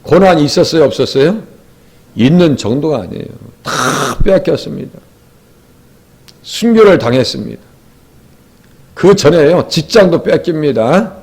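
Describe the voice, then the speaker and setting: A man's voice: fairly high pitch, moderate pace, gravelly, long pauses, breathy edge. A middle-aged male pastor preaching a sermon and putting questions to the congregation. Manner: lively, asks the congregation questions, acts out quoted voices.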